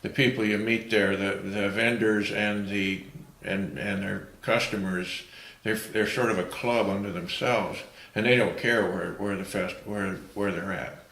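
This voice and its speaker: A man with a low but bright, forward voice talks in a casual interview, often halting and restarting his sentences. The room around him is echoey. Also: fairly even intonation.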